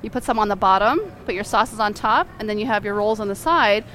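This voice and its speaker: A woman's voice: mid-range voice, brisk, fairly bright tone, a little hiss or hum. A woman who owns a restaurant, explaining her dishes in an upbeat, chatty way and laughing easily. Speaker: restaurant owner. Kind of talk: casual food explanation on a show segment.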